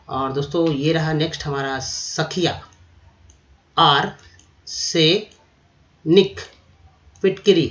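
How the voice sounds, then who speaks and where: A man teaching English vocabulary, repeating each word and spelling it out letter by letter. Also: on the high side. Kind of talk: spoken vocabulary lesson. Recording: dull lo-fi recording.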